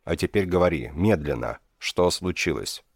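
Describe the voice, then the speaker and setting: Commanding divine prince read by a man, measured and authoritative, very deep voice, dry sound. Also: animated, creaky, slightly rough, no room sound, exaggerated voice.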